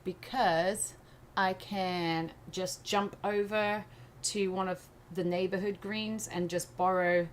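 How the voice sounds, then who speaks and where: An English woman hosts a live art tutorial, casually thinking aloud in an accent that mixes English and American. Her medium-pitched voice stays fairly even as she talks slowly with few pauses. Noticeable background noise runs under the recording.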